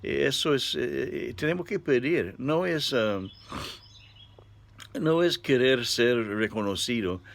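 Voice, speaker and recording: A man preaching a devotional sermon as a pastor, speaking haltingly and sometimes searching for words. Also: mid-range voice, gravelly.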